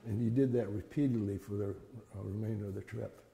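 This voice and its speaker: An older man telling childhood memories in a plain-spoken, folksy, halting interview style. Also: fairly low pitch, fairly even intonation, creaky, mellow. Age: older, 70s or above. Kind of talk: conversational oral-history storytelling. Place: reverberant indoor room. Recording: echoey room with long reverb.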